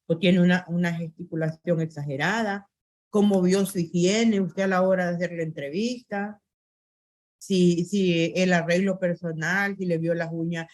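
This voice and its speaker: Her voice sits fairly low, with a steady tone and a moderate pace. She's teaching an online university class over a video call on a computer mic, working through items one at a time in a methodical way and filling pauses with frequent hesitations.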